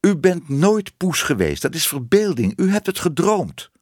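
A man's voice: mid-range voice, huge pitch swings, unhurried, husky, dry recording, studio quality, exaggerated voice. A man reading a storybook aloud, voicing a shy, fussy man who lectures and exclaims while trying to be strict. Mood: lecturing. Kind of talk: audiobook reading.

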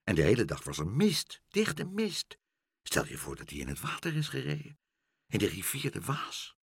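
A man doing an anxious, fussy old gentleman. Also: mid-range voice, wildly swooping pitch, normal speed, creaky, breathy edge, no echo, clean studio sound, full character voice. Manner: worried, fretful.

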